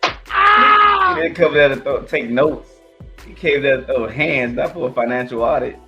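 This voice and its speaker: A man's voice: mid-range voice, very animated, a little slow, shouting, dull audio, loud music behind the voice. A man hosting his own reaction channel, talking in loose slang with a stammering, repetitive delivery. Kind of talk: casual reaction commentary.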